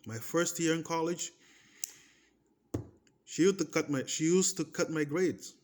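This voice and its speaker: A man in his thirties, a vlogger whose first language is Portuguese, delivers a casual monologue in Portuguese-accented English at a measured pace. His voice is on the high side, with slight background noise behind it. He speaks emphatically, restarting phrases and repeatedly asking "okay?"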